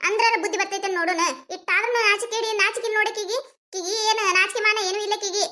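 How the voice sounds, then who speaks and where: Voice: very high voice, steady tone, quick pace, pushed and bright, full character voice. A performer voicing a meddling village woman in a cartoon, cackling and egging others on. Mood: gleeful. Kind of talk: cartoon voice acting.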